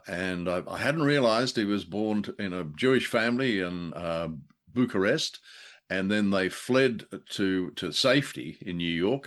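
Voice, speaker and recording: A podcast co-host with a low, slightly bright voice joins a casual review chat about an old radio play. He talks in a wry, jokey way, full of wordy asides.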